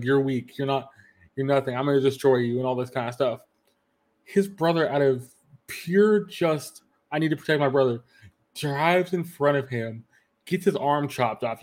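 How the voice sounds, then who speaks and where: A man's voice: a little high, normal speed. A man hosting a casual podcast, eagerly retelling anime scenes and quoting characters as he goes. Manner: retells scenes with quoted lines, many restarts. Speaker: podcast host. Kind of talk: casual anime review chat.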